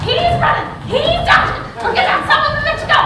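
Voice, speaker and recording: A woman playing a loud, goofy oddball uncle who yells like a sports announcer, on a stage recording. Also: extremely high pitch, fairly quick. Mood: excited. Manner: shouty sports-announcer yelling. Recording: echoey theatre audio from far off, noisy.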